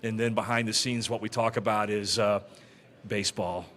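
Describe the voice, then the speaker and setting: Man, podcast co-host, low voice, even and flat delivery. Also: moderate pace. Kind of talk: casual podcast chat.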